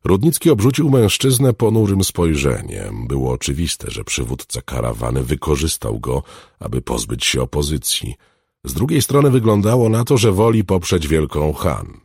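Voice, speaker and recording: A man with an extremely deep, husky voice reads a fantasy audiobook, his pitch rising and falling with lively expression. The sound is dry and close, with no room around it. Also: moderate pace, no room sound. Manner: expressive storytelling. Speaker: audiobook narrator. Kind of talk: scripted fantasy narration.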